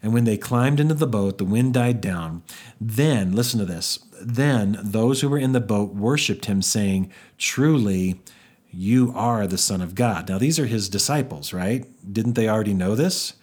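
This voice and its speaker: Male Bible teacher, lower register, casual and chatty, restarts sentences a lot. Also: expressive, moderate pace, a little mellow, slightly rough. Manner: conversational, with frequent restarts and fillers.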